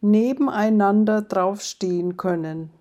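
A woman's voice: medium pitch, unhurried, mellow, natural voice. A woman reading as Blossom, a cheeky wife. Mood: sly. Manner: sly, confessional. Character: cheeky wife of a poor man, sly.

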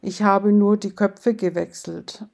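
A woman's voice: medium pitch, steady tone, takes it slowly, creaky, a little mellow. A woman reading as Mister Koff, a concerned undertaker. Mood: obliging. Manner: concerned, accommodating. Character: male undertaker, concerned and obliging.

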